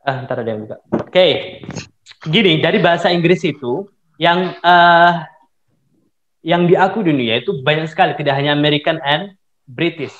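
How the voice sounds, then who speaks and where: A man's voice: a little high, a bit bright. A man as the invited speaker, patiently explaining an answer and mixing English terms into his talk, heard over a video call. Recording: echoey, dull video-call audio.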